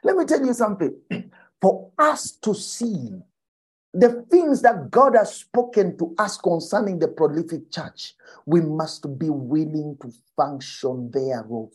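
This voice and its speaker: A woman's voice: sits low, expressive, a little slow, a little mellow, husky. A woman preaching a sermon, exhorting her listeners, repeating her lines and checking in with the congregation. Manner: emphatic exhorting.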